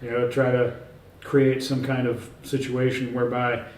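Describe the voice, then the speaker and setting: A man with a monotone, darkish, medium-pitched voice talks at a moderate pace as a guest author in a relaxed face-to-face interview, rambling with plenty of fillers and restarts in a confident, emphatic way. The echoey room, distant mic, and faint ambience add slight background noise.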